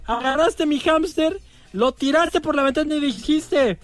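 Man playing a shrill angry Mexican homeowner, high and scolding. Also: unhurried.

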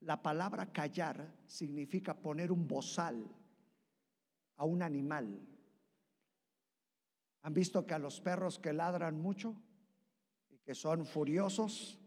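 Pastor guy preaching, high gravelly voice, long church reverb, gets loud then goes quiet. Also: slow, long pauses. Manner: preaching with sudden loud high bursts and hushed drops. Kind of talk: sermon. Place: church hall.

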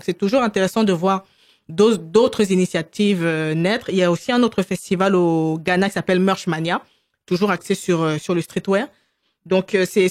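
A woman hosting a podcast in a relaxed, talkative way, full of fillers and restarts. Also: mid-range voice, no echo, clean studio sound. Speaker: podcast host. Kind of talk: casual chat.

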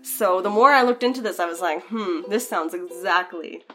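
A woman's voice: on the low side, moderate pace, sharp tone, soft background music. A woman co-hosting a podcast, telling a story in casual chat with restarts. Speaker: podcast co-host.

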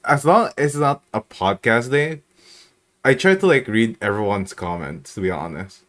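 A man hosting a casual podcast, talking loosely and filling his sentences with "you know" and "like". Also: on the low side. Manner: slow and lively, lots of "you know" and "like". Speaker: podcast host.

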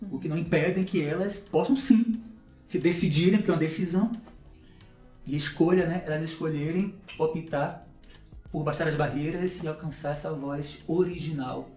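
Calm reflective Brazilian man. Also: on the high side, moderate pace. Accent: Brazilian Portuguese. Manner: calm, reflective, gently spiritual. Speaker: voice coach guest. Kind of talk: podcast conversation. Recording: roomy echo, faint music behind.

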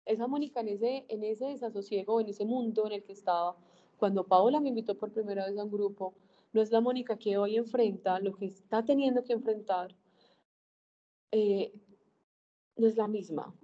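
A woman's voice: medium pitch, moderate pace, lo-fi sound. A woman, earnestly sharing a faith testimony to a group. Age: 40s. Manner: earnest, emphatic, acts out dialogue. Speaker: speaker giving a faith testimony.

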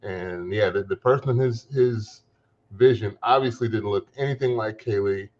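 A man's voice: fairly low pitch, normal speed, a little mellow, highs cut off. A man co-hosting a podcast, chatting casually and thinking aloud with many fillers. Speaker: podcast co-host. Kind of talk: casual chat.

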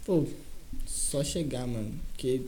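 A man's voice: mid-range voice, unhurried, warm tone, a little hiss or hum, poor audio. A young man with a Rio de Janeiro state Brazilian Portuguese accent, chatting in a laid-back, slangy way. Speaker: skateboarder, guest. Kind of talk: casual chat.

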